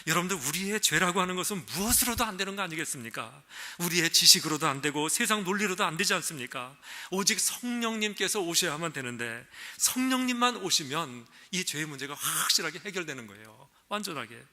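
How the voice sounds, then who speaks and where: A man's voice: a little high, lively intonation, fairly quick, few pauses, sharp tone. A male pastor preaching a sermon, earnest and full of rhetorical questions, weaving a story into his message. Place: church sanctuary.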